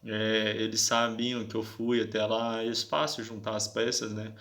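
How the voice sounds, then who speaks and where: A man's voice: lowish voice, monotone, normal speed, a bit bright. A young man tells his story casually to viewers, in an aggrieved, slangy way, and keeps checking "sabe?".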